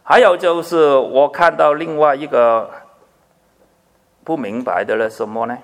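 A man preaching a sermon in an animated way. He swings between loud emphasis and hushed asides, asks his listeners many questions, and drops English words into his speech. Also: medium pitch, unhurried. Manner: asks the audience frequent rhetorical questions. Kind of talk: sermon to a congregation.

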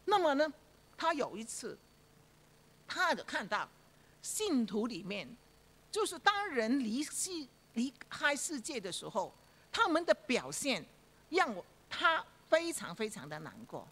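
A woman's voice: high voice, big pitch swings, a little slow, fairly bright tone. A woman preaching a sermon, telling a story with rhetorical questions to her listeners and frequent fillers. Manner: frequent fillers and repeated phrases.

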